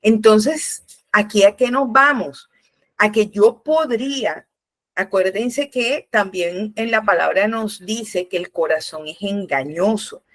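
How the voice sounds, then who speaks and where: A woman's voice: mid-range voice, slow, fairly bright tone. A middle-aged woman with a Colombian Caribbean coast accent, teaching from scripture in a church talk, conversational and full of restarts. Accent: Colombian Caribbean coast Spanish. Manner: conversational, acts out dialogue, many restarts. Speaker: church speaker.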